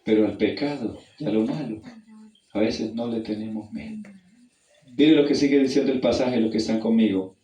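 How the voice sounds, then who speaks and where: A man preaching an evangelistic sermon. He tells a personal story, calls his listeners brother and asks them questions, and he goes from hushed and low to loud and high when he reads the scripture. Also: moderate pace, lo-fi sound. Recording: roomy, distant mic.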